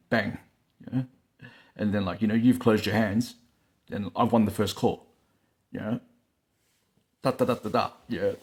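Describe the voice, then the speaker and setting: A man with a lowish voice chats casually to camera on his own vlog, recorded on a phone on a stand, with a little hiss or hum. He rambles, laughs often, and fills his talk with "like, you know."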